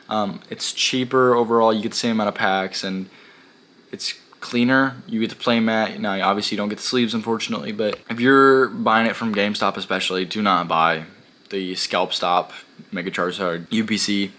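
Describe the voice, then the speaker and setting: Low-voiced chatty man, slightly hoarse. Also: a bit bright. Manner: chatty and rambling, many fillers and self-corrections. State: voice going a bit hoarse. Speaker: card pack-opening channel host. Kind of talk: casual commentary to camera.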